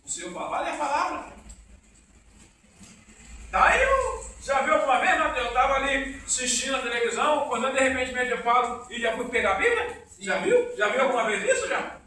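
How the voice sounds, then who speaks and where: A man preaching an informal church sermon, animated and quizzing the congregation. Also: very high voice, brisk. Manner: animated, asks the congregation questions, acts out quotes. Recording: echoey room from far off, faint noise.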